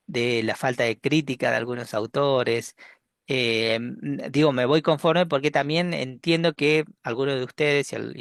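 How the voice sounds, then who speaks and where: Gravelly Rioplatense man lecturing online. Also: medium pitch, dry recording, studio quality. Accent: Rioplatense Spanish. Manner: relaxed, joking, many restarts and "¿no?" tags. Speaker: university lecturer. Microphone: video call.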